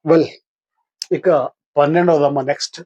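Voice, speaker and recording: A man's voice: on the high side, level tone, normal speed, darkish tone. An older man with a Telugu accent teaching English grammar for exam practice, patiently asking questions and answering them himself. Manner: patient, asks and answers his own questions.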